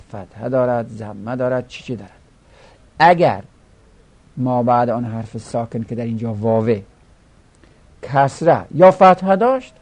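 A man's voice: medium pitch, darkish tone. A man teaching a grammar lesson, explaining step by step and chanting word forms aloud.

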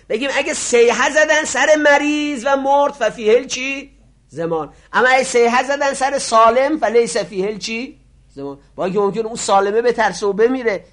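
Male seminary teacher with a very high voice, lecturing and posing his own questions. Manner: asks rhetorical questions and answers them himself; voice drops sharply quiet at the ends of phrases. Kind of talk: lecture on religious law.

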